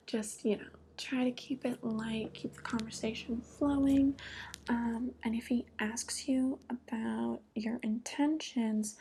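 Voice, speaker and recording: A woman voicing a flirty, teasing female devil in a soft, breathy ASMR role-play, with a casual, coy manner. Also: on the high side, heavily acted.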